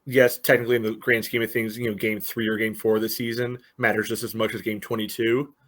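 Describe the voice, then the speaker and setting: Co-hosting a soccer podcast, a man reasons casually and hesitantly, full of filler phrases and leaning heavily on "you know" in this casual sports discussion. His voice is on the low side and fairly bright in tone, delivered flat and fast.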